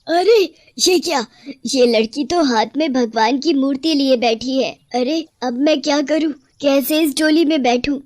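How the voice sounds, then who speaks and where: A greedy, mischievous cartoon witch, as a woman puts her on bursts out in shrill, high exclamations. The voice swoops up high and sounds dry and close. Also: a little slow, dry recording. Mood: alarmed.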